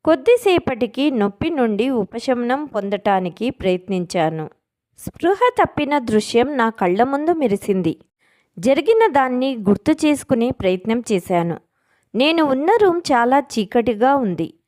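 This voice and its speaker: Brief: woman storyteller, lively pitch, fairly high voice, suspenseful scripted narration. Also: normal speed. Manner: expressive, suspenseful.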